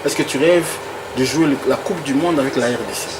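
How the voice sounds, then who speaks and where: A male interviewer from Congo works through viewers' questions in a relaxed, conversational way, stumbling and repeating words as he hunts for the right phrase. His voice sits at an ordinary middle pitch. Audible background noise, with an air conditioner humming under him. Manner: halting, repeats words while searching for phrasing. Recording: noisy room with air conditioning.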